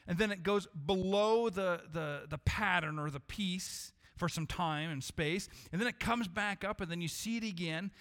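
A man with a slightly raised voice preaches to his congregation, earnest and measured, often circling back over his words. His voice rings with the long reverb of a church hall. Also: high voice, fairly bright tone. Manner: earnest, measured preaching with frequent restarts and repetitions. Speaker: pastor. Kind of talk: sermon. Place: church sanctuary.

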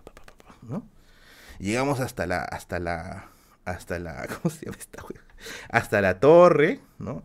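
A man's voice: lowish voice, a little mellow. A young man with a Peruvian Spanish accent telling a story in casual podcast talk, slangy and acting out quoted voices. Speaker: podcast host.

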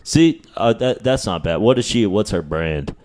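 A man's voice: on the low side, lively intonation, normal speed, a little mellow, slight background noise. A man in his thirties hosting a casual comedic chat, telling rambling, slangy stories. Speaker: podcast host.

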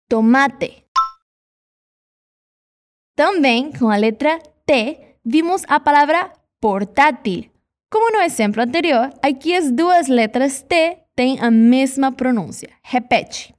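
A Brazilian woman with a high voice teaches Spanish pronunciation in a scripted lesson. She says model words slowly so learners can repeat them.

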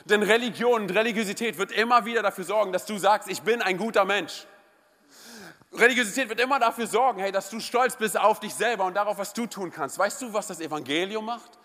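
A man preaching a lively, conversational sermon to a church congregation, often checking in with a quick question. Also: high-pitched. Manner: energetic, conversational, asks the congregation "oder?". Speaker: pastor. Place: church service hall. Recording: live church hall reverb.

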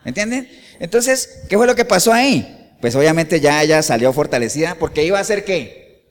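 A male pastor delivering an animated sermon, often putting rhetorical questions to the congregation. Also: on the high side, normal speed, long reverb tail.

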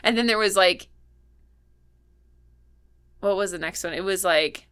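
With a clear, resonant, mid-range voice at a measured pace, a young Ohio woman co-hosts a casual podcast chat. Her Midwestern American accent comes through as she rambles animatedly, filling her talk with "like."

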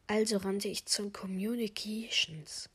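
A woman's voice: mid-range voice, steady tone, measured pace, husky. A woman telling a first-person story, reading it aloud and dropping to a whisper at tense moments. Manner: reads along, drops to a whisper at tense moments.

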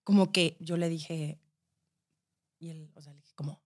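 A young Mexican woman, a podcast guest, telling lively, slangy stories in casual chat. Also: low voice, a little slow. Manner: lively storytelling, laughs often, slangy.

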